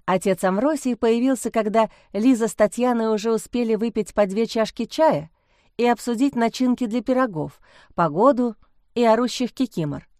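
A woman's voice: on the high side, normal speed, a little mellow, no room sound, studio quality. Woman narrating a storybook tale. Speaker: audiobook narrator. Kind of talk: scripted narration.

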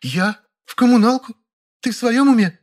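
A man reading an audiobook, voicing a scheming pregnant young woman with a shrill, hissing, indignant voice. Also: fairly even intonation, fast talker, natural voice. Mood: outraged.

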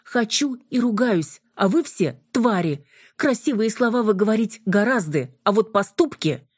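A woman reading an audiobook, voicing a furious young woman who shouts and curses at vampires with scorn. Her lines are read with a raised, heated delivery. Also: mid-range voice, lively intonation, moderate pace, breathy edge, no echo, studio quality, voice pushed up.

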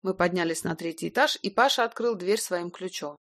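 A woman reading a first-person detective novel aloud in a brisk, wry, even narrating manner. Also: on the low side, no room sound, studio quality. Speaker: audiobook narrator.

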